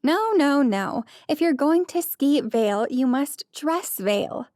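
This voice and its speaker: A woman's voice: high-pitched, lively intonation, slow, darkish tone, no echo, studio quality, pitched above the performer's own voice. A woman voicing a pushy ski shop saleswoman who talks in a sing-song voice, in an audiobook. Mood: insistent.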